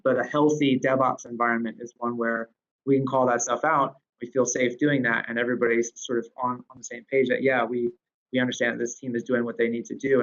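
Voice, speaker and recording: A man speaking in a relaxed conversational discussion, thinking aloud with many fillers and restarts. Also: medium pitch, highs cut off. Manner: thoughtful, with frequent fillers and restarts. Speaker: guest speaker on DevOps.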